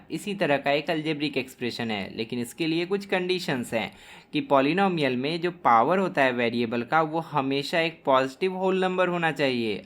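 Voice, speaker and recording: Man, maths teacher, fairly high voice, slow deliberate explaining, spells out terms as he writes. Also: a bit bright. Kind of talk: classroom lesson explaining at a board.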